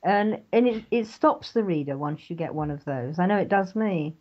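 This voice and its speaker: An older woman from England talks about her writing as a radio interview guest, with a lowish voice. She is chatty and animated and often laughs. The sound is dull and lo-fi. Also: moderate pace. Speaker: author guest. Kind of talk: casual interview chat.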